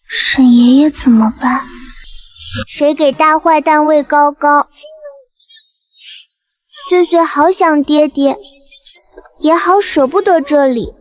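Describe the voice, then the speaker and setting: A woman voicing a sweet, clingy little girl in an animated drama, talking in cutesy baby talk and calling herself by name. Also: sits high. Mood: wistful.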